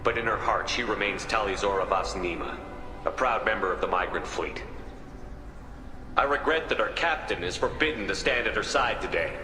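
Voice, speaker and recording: A man playing a steady, resolute human spaceship commander in a game cutscene, formal, measured and firm. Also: on the low side, natural voice. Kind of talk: video game cutscene acting. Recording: echoey hall, music underneath.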